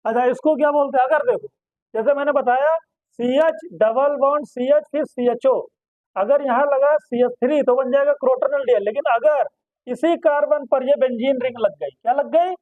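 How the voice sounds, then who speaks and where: High-voiced chemistry teacher. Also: male voice, normal speed, no room sound, narrow, tinny audio. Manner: asks students questions and answers them himself, repeats terms. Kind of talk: classroom lecture.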